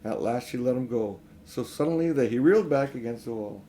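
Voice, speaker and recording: A man's voice: medium pitch, lively intonation, brisk, mellow, a little hiss or hum. An older man reading a children's story aloud in an informal way. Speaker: audiobook reader.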